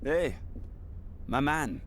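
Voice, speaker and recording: An actor playing a pushy, indignant hotel guest in a video game, over a noisy background. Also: male voice, on the high side, very animated, drawn-out words, full character voice. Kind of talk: video game character acting.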